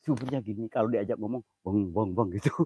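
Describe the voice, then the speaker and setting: A young man chats and jokes with his viewers, laughing often while he streams from beside an old well on his phone. His voice is somewhat low and husky. The sound is close and dry. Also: brisk, mellow, no room sound. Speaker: host of a comedy ghost-hunting livestream. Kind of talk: casual joking livestream chat. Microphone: phone camera.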